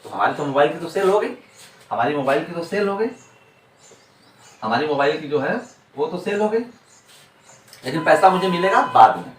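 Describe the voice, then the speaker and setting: A man's voice: a little high, very animated, moderate pace, long pauses. A man teaching accounting in a classroom lecture, repeating points and answering his own rhetorical questions. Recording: echoey room, distant mic, faint noise.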